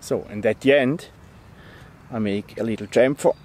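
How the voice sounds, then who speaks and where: Out in a forest, a bushcraft instructor whose first language is German demonstrates a task step by step in an outdoor tutorial, plain and friendly. His medium-pitched voice is a little mellow at normal speed, with slight background noise.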